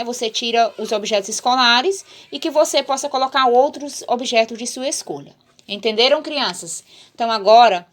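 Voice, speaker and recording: A young Brazilian woman with a slightly high voice teaches a recorded lesson to small children. She is patient and repeats each step, pausing to ask the class if they understood. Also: fairly bright tone. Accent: Brazilian Portuguese. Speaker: primary school teacher.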